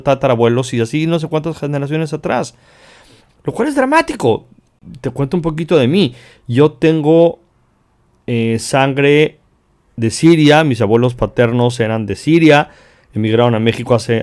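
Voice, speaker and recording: A man's voice: medium pitch, a little mellow. A man from Mexico hosting a self-help podcast, talking earnestly to the listener in long chains of repeated phrases. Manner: addresses the listener directly. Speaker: podcast host.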